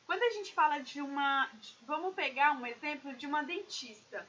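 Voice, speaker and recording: A woman business consultant giving an animated live-stream talk, speaking straight to her viewers. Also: sits high, normal speed, dull audio, slight background noise. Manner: animated, addresses viewers directly.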